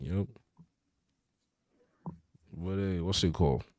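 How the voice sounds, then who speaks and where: Low-voiced laid-back young man. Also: slow pace, darkish tone, no room sound, clean studio sound. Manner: laid-back, many fillers like "you know". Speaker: podcast co-host. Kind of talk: casual car chat.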